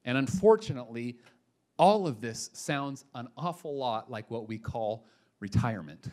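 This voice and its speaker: A male pastor preaching a sermon, emphatic, moving between quiet asides and loud punches, with casual slang. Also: mid-range voice, lively intonation, moderate pace.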